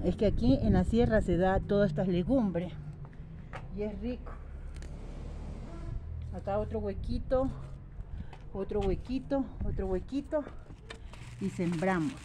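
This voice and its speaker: A home gardener with an Ecuadorian highland Spanish accent films a casual how-to vlog on her phone, planting vegetables outside. Talking to viewers like friends, she chats through each step and repeats things, with animals and traffic audible around her.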